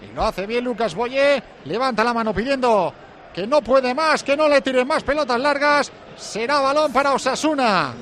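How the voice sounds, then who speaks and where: A man's voice: extremely high pitch, lively intonation, normal speed. A man with an accent from Spain calling a football match live on radio. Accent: Spanish from Spain. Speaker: football play-by-play commentator. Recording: loud stadium background noise.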